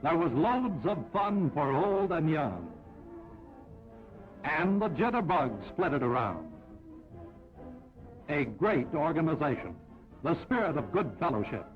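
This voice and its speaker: A man narrating an old 1940s newsreel in a brisk, upbeat announcer style. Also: fairly high pitch, sing-song. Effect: old newsreel sound. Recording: dull lo-fi 1940s film audio with music.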